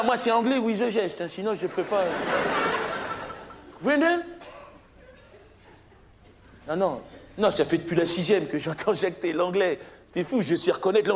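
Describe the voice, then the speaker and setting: Playing an argumentative, stammering young candidate in an oral English exam, a man does a stand-up character bit before a loudly laughing live audience. He speaks at a normal speed in a high-pitched voice, leaving long pauses and acting only lightly. Some hiss or hum can be heard.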